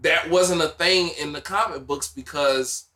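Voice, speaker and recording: Animated Southern podcast host, bright voice. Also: male voice, fairly high pitch, measured pace. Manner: animated, laughs often, says "bruh" a lot. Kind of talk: casual chat.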